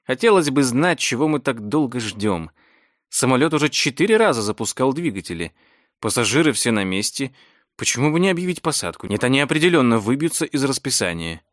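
A man's voice: mid-range voice, big pitch swings, brisk, dry recording, studio quality, lightly acted. A man voicing a fussy, impatient older woman traveler who complains about the delay, in a storybook reading. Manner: complaining, fretful.

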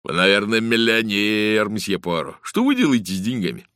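A man voicing a brisk, blunt middle-aged police inspector in an audiobook, talkative and matter-of-fact. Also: low-pitched, lively intonation, fairly bright tone, no echo, clean studio sound. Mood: chatty. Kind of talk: audiobook character voice.

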